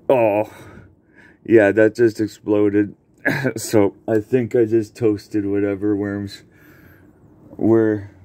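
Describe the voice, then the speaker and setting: In his basement, a man points a handheld camera mic at his own hands and gives a casual show-and-tell of his home worm bins, as a worm composting vlogger. His mid-range voice has a darkish tone, and he rambles, full of ums and corrections. The audio is dry.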